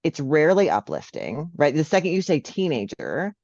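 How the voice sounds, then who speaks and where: A woman's voice: sits low, normal speed, dry recording, lo-fi sound. A woman, a social worker, talking in a casual interview and often checking in with "right?". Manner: animated, frequent "right?" tags.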